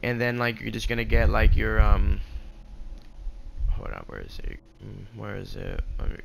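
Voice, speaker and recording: Teen guy talking thru a game build, low gravelly voice, stutters and restarts a lot. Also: normal speed, a little hiss or hum. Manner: stammering, repeats words, corrects himself often. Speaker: game tutorial host. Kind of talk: casual build tutorial narration.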